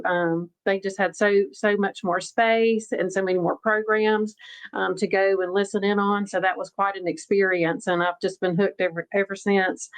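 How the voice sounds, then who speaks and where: A woman speaks casually as a guest on an interview show. She talks in a chatty way, with frequent "um" fillers as she thinks aloud. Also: medium pitch.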